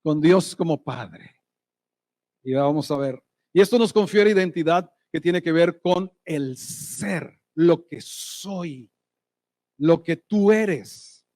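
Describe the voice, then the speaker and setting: A man preaching a sermon as pastor, lively and asking the congregation rhetorical questions. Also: a little high, slow pace, no echo. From Colombia. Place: church hall.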